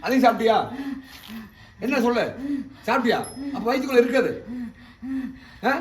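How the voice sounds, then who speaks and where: High-voiced man commanding an exorcism. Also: moderate pace. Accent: Tamil Nadu. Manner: interrogating, commanding, repeats sharp questions. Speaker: exorcist and spiritual healer. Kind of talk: exorcism ritual. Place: temple shrine. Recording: echoey room, far from mic, faint noise.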